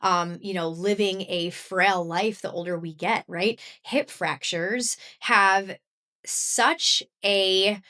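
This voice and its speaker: A woman's voice: mid-range voice, steady tone, takes it slowly, sharp tone. A woman in her thirties hosting a solo podcast, talking casually and upbeat, with many fillers and frequent laughs. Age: 30s. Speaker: podcast host and health coach.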